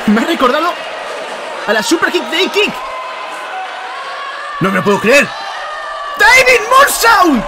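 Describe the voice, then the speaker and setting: A man with a Spain accent giving excitable, exclamatory live wrestling commentary and calling out moves. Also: very high voice, normal speed, pauses often. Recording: noisy sports hall, loud crowd. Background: loud crowd and hall noise.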